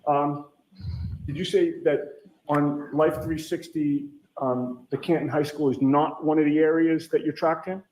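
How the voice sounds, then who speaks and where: A man cross-examining a witness as a lawyer in court, putting detailed, deliberate leading questions and pressing for confirmation. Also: a little high, steady tone, a little mellow. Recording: echoey courtroom sound with faint noise.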